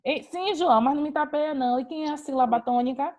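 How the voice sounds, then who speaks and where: A woman's voice: high voice, quick pace, a little mellow. A woman teaching an online class, calling on students by name and praising their answers. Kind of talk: online class on a video call.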